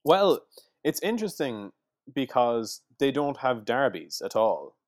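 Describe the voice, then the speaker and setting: A man's voice: mid-range voice, big pitch swings, a little slow, dry recording, studio quality. A man with a west of Ireland accent chatting casually about sport in a loose, rambling way full of filler phrases. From Sligo, west of Ireland. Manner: hesitant, rambling, many "like" and "you know". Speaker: podcast co-host.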